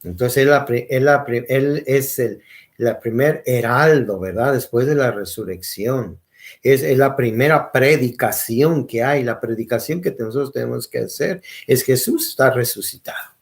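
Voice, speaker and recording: A man's voice: medium pitch, a little slow. A deacon giving a conversational sermon, often checking in with his listeners and repeating words as he thinks aloud. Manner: informal, asks "¿verdad?" often, repeats and restarts words. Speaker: deacon preaching.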